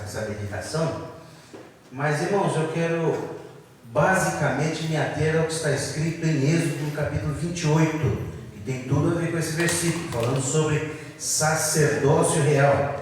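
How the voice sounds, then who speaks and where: Male Brazilian pastor, sermon delivery, exhorting the congregation, fairly high voice, roomy reverberant hall. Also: slight background noise. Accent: Brazilian Portuguese. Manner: exhorting congregation, leading call and response. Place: large church hall. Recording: echoey church hall, distant mic.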